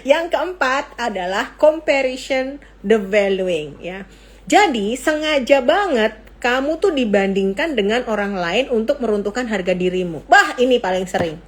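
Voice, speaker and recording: Middle-aged woman psychiatrist doing a casual live talk, kinda high voice, jokey, laughs a lot. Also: unhurried. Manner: playful, laughs often, jokes in mock foreign gibberish; animated, swings between high excitement and low asides. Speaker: psychiatrist hosting a live mental health talk. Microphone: phone or laptop mic for an Instagram live.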